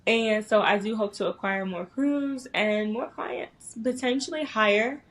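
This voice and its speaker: A woman with an American accent, a small business owner, chats casually as a guest on a podcast interview, using informal, slangy language. Her voice is fairly high and a bit bright, and she speaks at a measured pace.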